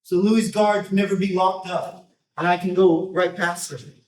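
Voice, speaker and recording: A man coaching a jiu-jitsu technique, explaining casually in short, choppy phrases and often checking in with a quick tag question. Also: sits high, fairly even intonation. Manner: informal, choppy phrases with repeated tag "right?". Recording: roomy echo, distant microphone.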